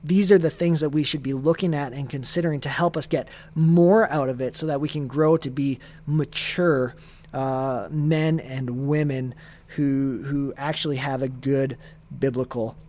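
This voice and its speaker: A man giving casual, earnest Bible study advice, full of fillers and restarts, who speeds up as he gets excited. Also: medium pitch, moderate pace. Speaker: Bible teacher.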